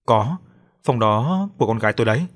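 A man's voice: mid-range voice, animated, brisk, close to an everyday voice. A man voicing a guarded, suspicious old woman who gives curt, wary replies in a storybook reading.

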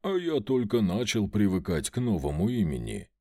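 A man's voice: fairly low pitch, huge pitch swings, normal speed, a little mellow, no echo, clean studio sound. A man voicing a sly mocking talking dog. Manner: mocking, sighing.

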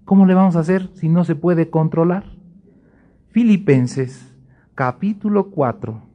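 A man teaching a Bible class in sermon style, lively, acting out short dialogues in other voices. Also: on the high side, a little slow, muffled recording.

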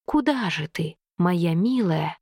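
A fish-tailed river creature coaxes her prey in a low, hushed, drawn-out whisper, as a woman narrator puts her on. Her sweetness hides a greedy hunger. The voice sits well below the narrator's own and stays close and dry. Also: expressive, husky, dry recording, exaggerated voice. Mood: coaxing whisper. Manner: whispery, slow, coaxing. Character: seductive female river creature, half fish, sly and hungry.

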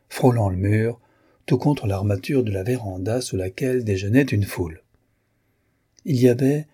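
A man reading a novel aloud as narrator, measured and expressive. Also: on the low side, husky.

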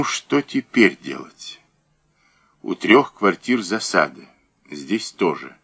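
A man as a weary police chief, low and brooding. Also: a bit bright, husky, exaggerated voice. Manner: brooding, tense. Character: weary middle-aged male police lieutenant colonel.

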